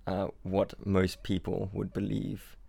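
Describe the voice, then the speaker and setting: This is a casual interview chat with a young man on a podcast in London, a startup founder born in Switzerland who grew up in Australia. He speaks slowly and completely flat in a deep, mellow voice with vocal fry and a breathy edge, often repeating words and starting sentences over, with no echo.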